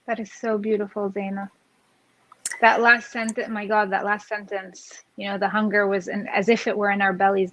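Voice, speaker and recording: A woman's voice: medium pitch, a bit bright. Friendly woman cooking on dull audio. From Jerusalem. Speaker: cookbook author. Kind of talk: cooking demonstration chat.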